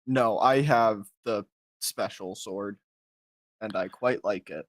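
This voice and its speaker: A man's voice: on the low side, takes it slowly. A man playing a tabletop game, polite and matter-of-fact. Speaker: player. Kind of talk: tabletop role-play.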